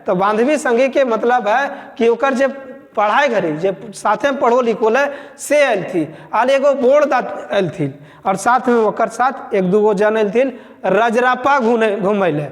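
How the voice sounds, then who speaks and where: Male tutor, very high voice, Khortha accent, chatty story retelling, long room echo. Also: measured pace. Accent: Khortha-speaking Jharkhand. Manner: conversational, tags lines with 'बुझले'. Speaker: teacher. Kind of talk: explaining a story to exam students.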